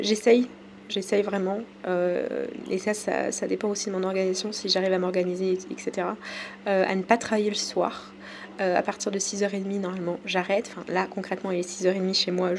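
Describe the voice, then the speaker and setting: Alone on her podcast, a woman from France chats casually but hesitantly, frequently stopping and filling gaps with fillers. Her pitch is middling and slightly mellow, and faint ambient noise hums in the background.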